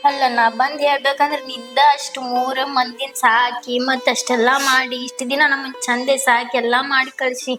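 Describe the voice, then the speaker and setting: A woman's voice: high-pitched, level tone, moderate pace, few pauses, music in the background, close to an everyday voice. A woman with a North Karnataka Kannada accent plays a young sister whose drunk husband left her. She cries through her lines and speaks in a plaintive way. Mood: tearful. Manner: tearful and plaintive. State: crying. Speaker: actress in a short film. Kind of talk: village family drama acting.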